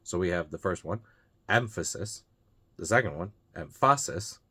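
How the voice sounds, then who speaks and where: A man with a low, deep voice talks viewers through poetry vocabulary. His delivery is loose and unscripted, full of small restarts and fillers as he works out his explanations. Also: fast talker, a bit bright, husky. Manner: loose and unscripted, frequent uh and you know, restarts. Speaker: host of a reading channel. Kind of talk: casual explainer talk.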